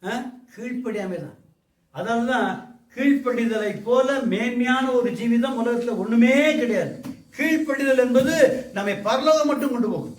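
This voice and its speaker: A man's voice: very high voice, normal speed. A man preaching as a pastor, asking the congregation questions and repeating his phrases. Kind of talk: sermon. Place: church hall. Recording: echoey hall mic from a distance.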